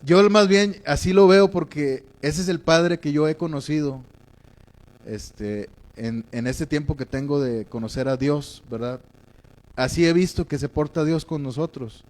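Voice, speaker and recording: A man's voice: fairly high pitch, measured pace, a little mellow. A man preaching a sermon in a reflective way, often checking in with his listeners.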